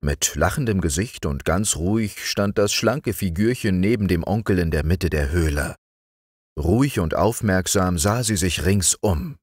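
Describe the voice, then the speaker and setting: Deep-voiced man reading a bedtime story. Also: unhurried, dry recording. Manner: calm, expressive storytelling. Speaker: audiobook reader. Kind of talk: bedtime audiobook narration.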